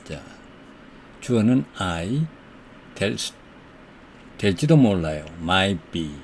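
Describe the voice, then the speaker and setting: Slow-talking gravelly male teacher. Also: low-pitched, big pitch swings, a little hiss or hum. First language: Korean. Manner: slow, deliberate English examples, faster Korean explanation. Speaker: English teacher. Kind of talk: slow explanatory lesson.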